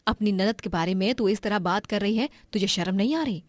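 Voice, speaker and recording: A woman's voice: medium pitch, a little fast, no echo, studio quality, lightly acted. A woman voicing a stern middle-aged mother who scolds her daughter in a cartoon story. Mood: stern scolding.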